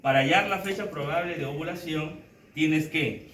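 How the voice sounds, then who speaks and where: A man teaching a class, animated, counting aloud and quizzing his students as he works at the board. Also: fairly high pitch, normal speed, reverberant, recorded from a distance, slight background noise, rough recording. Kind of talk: classroom lecture.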